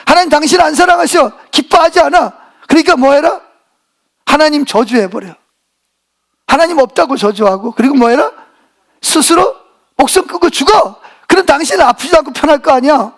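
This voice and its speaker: Bitter, scolding wife in a retold scripture story, voiced by a man in his sermon; high-pitched. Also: fairly quick. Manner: scolding, shouting questions.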